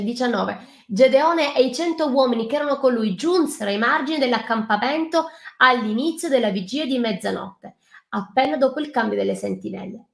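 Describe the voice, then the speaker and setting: A woman's voice: fairly high pitch, vocal fry, roomy sound. A woman preaching a fervent sermon, reading scripture aloud and exhorting the listener directly. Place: online live stream.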